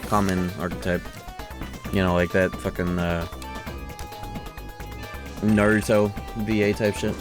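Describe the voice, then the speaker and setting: A man's voice: deep voice, flat delivery, measured pace, long pauses, music in the background. A man streaming a video game, chatting casually and rambling into rants with plenty of swearing. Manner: rambling, ranty, swears freely. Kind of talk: casual livestream chat.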